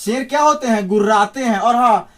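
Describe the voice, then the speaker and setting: Male teacher, fairly high voice, casual lesson delivery, asks the viewer questions as he goes. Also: fairly quick, fairly bright tone. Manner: chatty, joking asides, asks the listener questions. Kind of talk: informal spoken lesson.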